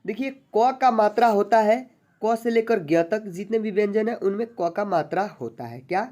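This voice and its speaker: A teacher giving an online alphabet lesson, patiently sounding out syllables slowly and often checking that viewers follow along. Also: medium pitch, expressive, mellow, highs cut off. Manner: addresses viewers as friends. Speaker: Hindi teacher.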